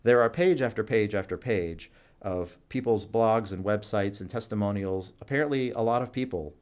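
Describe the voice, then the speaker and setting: A fairly low-pitched man tells stories from his work as a doctor at a jail clinic in a relaxed interview. He delivers the anecdotes with animation and slips into the voices of the people he quotes. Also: normal speed. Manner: animated anecdote-telling, acts out quoted dialogue. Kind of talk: storytelling in a conversational interview.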